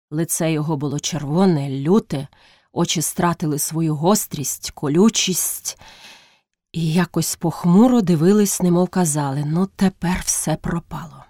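A woman's voice: on the low side, dry recording, studio quality. A woman narrating classic prose as an audiobook, telling it expressively. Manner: expressive storytelling.

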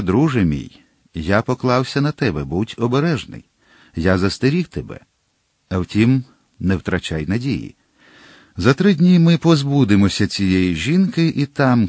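A man's voice: fairly low pitch, darkish tone, breathy edge, no room sound, studio quality, full character voice. A man voicing a stern, commanding middle-aged nobleman who warns and threatens firmly. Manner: stern, warning, firm.

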